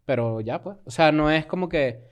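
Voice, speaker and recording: A man's voice: fairly high pitch, lively intonation, normal speed. Venezuelan man with a slangy, chatty voice. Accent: Venezuelan Spanish. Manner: slangy, storytelling, restarts often. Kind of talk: casual chat.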